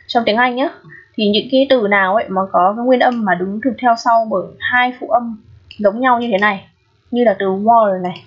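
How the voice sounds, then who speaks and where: A woman teaching an English pronunciation lesson. She explains patiently and keeps checking in with her students through quick questions. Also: mid-range voice. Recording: dull lo-fi recording.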